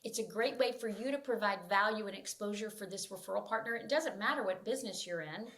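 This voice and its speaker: A middle-aged woman from Florida speaks as a guest on a casual podcast. Her voice is bright and forceful, and she stresses her points with enthusiasm. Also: mid-range voice, quick pace. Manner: emphatic, enthusiastic. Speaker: podcast guest, sales professional. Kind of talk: casual interview chat.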